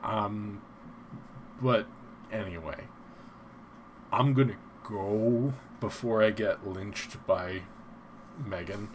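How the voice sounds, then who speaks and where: A man with a soft, breathy voice hosts a casual live stream in the manner of an old-timey radio announcer. He is low-spoken and takes his time, rambling along in a self-deprecating way. Faint noise sits behind his voice. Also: very slow, long pauses.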